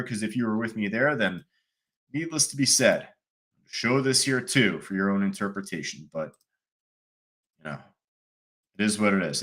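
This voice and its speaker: A man's voice: lowish voice, a bit bright. A man casually commenting on live stock charts as a trading educator, chatty and self-deprecating. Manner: chatty, self-deprecating, fillers like "you know".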